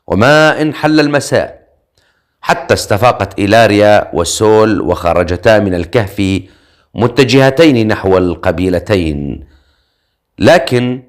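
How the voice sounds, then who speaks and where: A man narrating an audiobook in a measured, dramatic storytelling manner. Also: fairly low pitch. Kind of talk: scripted narration.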